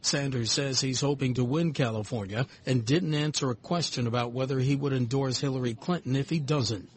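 Husky male radio newsreader, scripted bulletin. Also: mid-range voice, a little fast. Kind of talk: scripted news reading.

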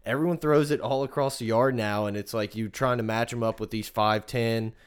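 Smooth-voiced man giving emphatic opinions. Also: mid-range voice, fairly even intonation, brisk. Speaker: college football podcast co-host. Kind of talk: casual sports talk.

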